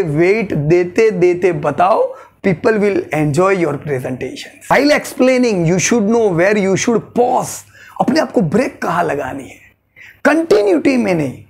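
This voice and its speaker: A man leads a presentation-skills lesson in a mix of Hindi and English. His voice sits fairly high with a gravelly edge. He jumps up and down in pitch to act out emphasis and checks in with his listeners constantly. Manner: animated, demonstrates delivery by shifting pitch and emphasis, frequent "right?". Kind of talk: Hindi-English mixed lecture.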